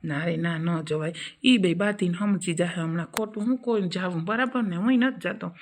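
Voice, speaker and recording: A woman's voice: lowish voice, a little fast, a little hiss or hum, natural voice. A woman playing a stern elderly father-in-law who scolds and threatens in a comic family sketch. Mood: grumbling. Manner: gruff, scolding.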